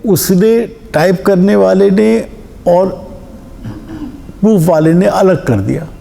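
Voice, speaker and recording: A man giving a scripture discourse in a hall, explaining slowly with examples and stressing key words. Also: sits high, vocal fry, warm tone. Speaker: scripture teacher.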